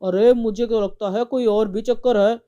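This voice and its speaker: A woman's voice: fairly high pitch, steady tone, moderate pace, mellow, dull audio, lightly acted. Woman voicing a suspicious rich husband. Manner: suspicious, distrustful.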